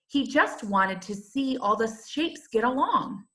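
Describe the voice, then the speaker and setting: Her voice pitched on the high side, a woman reads a rhyming kids' story aloud, taking a measured, expressive, teacherly approach.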